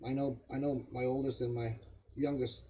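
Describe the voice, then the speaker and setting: A man's voice: medium pitch, flat delivery, normal speed, darkish tone, a little hiss or hum, low-quality recording. An older man hosting a live model-building stream, rambling casually to viewers and chuckling at himself. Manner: rambling, self-deprecating, chuckles often, talks to viewers as guys.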